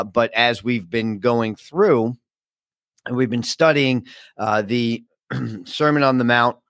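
Groggy-voiced pastor, low dry voice. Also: male voice, fairly bright tone, smooth, no room sound. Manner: casual, conversational preaching with many fillers. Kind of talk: daily Bible study podcast teaching.

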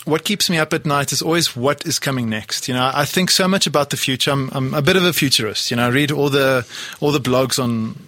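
A man's voice: mid-range voice, a little fast, few pauses, fairly bright tone, dry recording. A man from Poland, a guest entrepreneur, chatting casually in an interview with lots of restarts and fillers. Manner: rambling, many restarts and fillers. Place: South Africa.

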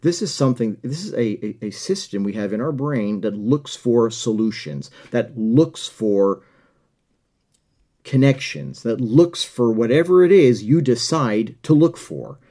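Speaking unhurriedly in a warm, expressive, medium-pitched voice, a middle-aged American man hosts a podcast with an earnest motivational talk. He tends to repeat words as he works out what to say.

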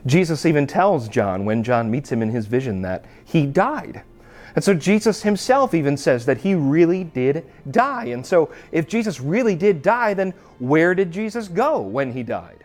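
Guy giving a sermon, kinda high voice, swoops around a lot, chatty storyteller. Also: moderate pace, soft background music. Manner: storytelling, animated and conversational. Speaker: pastor.

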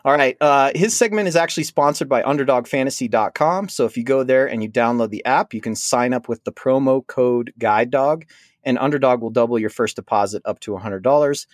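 A man's voice: medium pitch, brisk, no room sound, studio quality. A man from Minnesota hosting a fantasy football podcast, chatting casually and rambling. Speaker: podcast host. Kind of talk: casual sports podcast chat.

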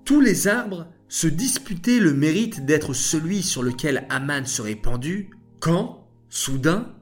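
A man tells a children's story slowly, with a lively, rising and falling voice. His pitch sits a little high, and soft music plays behind him. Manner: slow and expressive.

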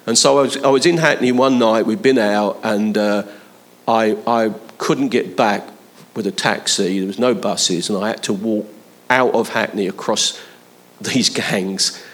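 A man's voice: fairly low pitch, a little slow. A man preaching a conversational sermon, building to emphatic appeals to his listeners. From London, England.

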